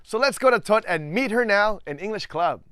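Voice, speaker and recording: A man presenting and introducing the next segment in a scripted, slow announcing way. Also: high voice, animated. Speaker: program presenter.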